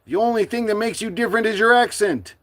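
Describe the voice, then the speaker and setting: A middle-aged man from the United States speaking to his livestream viewers in a forceful, defiant, preachy monologue. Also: high voice, fast. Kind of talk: impassioned live-stream monologue.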